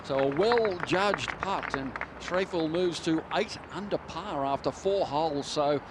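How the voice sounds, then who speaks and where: A man giving measured, polished live golf commentary. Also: on the high side, very noisy.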